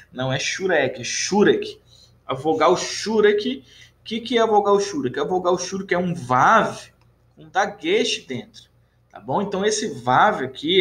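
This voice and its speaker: A man's voice: high-pitched, a bit bright, reverberant. A man with a Brazilian Portuguese accent teaching a recorded lesson in a chatty, encouraging way, asking questions and then answering them himself.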